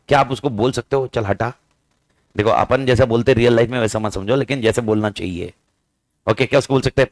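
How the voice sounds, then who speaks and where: A male teacher lecturing a class with a very lively, swooping delivery. He keeps questioning the students and slips into casual slang. The sound is close and dry. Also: mid-range voice, no echo. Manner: questioning, mixes Hindi and English, playful slang.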